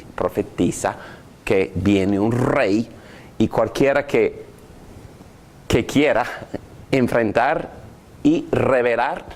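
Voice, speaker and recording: A man teaching a Bible class on prayer, asking his students questions as he goes. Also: medium pitch. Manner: animated, asks the class questions.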